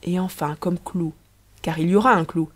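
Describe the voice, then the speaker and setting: A woman voicing a playful, scheming young empress who speaks in a lively, persuasive, teasing way. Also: fairly low pitch, moderate pace, close to an everyday voice.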